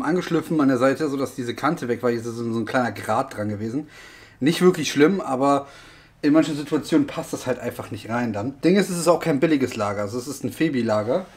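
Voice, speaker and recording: Hosting his car repair vlog, a mechanic explains what he's doing in a chatty way, thinking out loud and using plenty of fillers. He has a medium-pitched, darkish voice.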